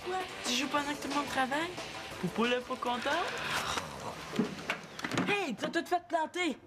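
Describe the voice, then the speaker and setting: A woman's voice: high voice, rapid-fire, loud music behind the voice, lightly acted. An actress with a Québécois accent playing a young woman who mocks and teases her housemate with sarcastic remarks. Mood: teasing. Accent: Québécois French. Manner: sarcastic, mocking. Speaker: actress in a TV family comedy. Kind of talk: scripted TV series acting. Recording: loud background noise.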